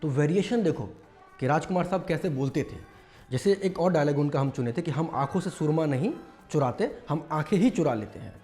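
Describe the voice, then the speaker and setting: A man's voice: on the high side, lively intonation, a little fast, warm tone, faint music behind. A man casually teaching mimicry, explaining step by step with lots of fillers. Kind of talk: casual tutorial talk.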